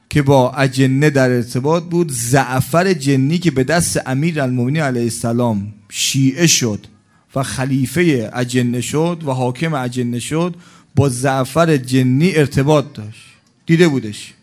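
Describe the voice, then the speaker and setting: A man's voice: mid-range voice, darkish tone. A male preacher telling a mourning sermon story with emotional, dramatic recitation.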